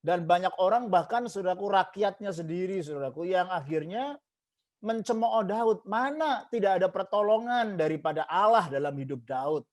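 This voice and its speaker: Preaching as a pastor, this man has a high-sitting voice with lively intonation and a moderate pace. His sermon is emphatic, built on repeated parallel phrases, with English mixed into his Indonesian and frequent repetitions of "saudaraku."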